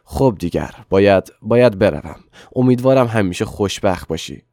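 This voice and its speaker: A heartbroken young man stammers out halting words in a storybook reading, voiced by a man. The voice sits fairly low and the recording is dry and close. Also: lively intonation, mellow, no echo. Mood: sorrowful.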